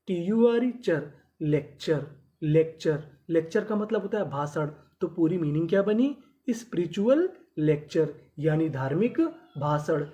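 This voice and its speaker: Man, English teacher, mellow warm tone, repeats his own questions and answers, slow letter-by-letter sounding out. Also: a little high. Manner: asks questions and answers them himself, drilling by repetition; sounds out letters slowly, then blends them into words. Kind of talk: phonics lesson for Hindi speakers.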